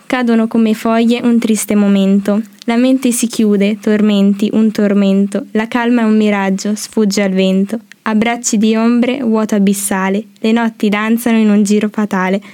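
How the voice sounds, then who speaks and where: A teenage girl reads her own poem in a flat, even voice. The sound is dry and close. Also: mid-range voice, no echo. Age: teens. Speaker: student reading her poem. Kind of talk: poetry reading.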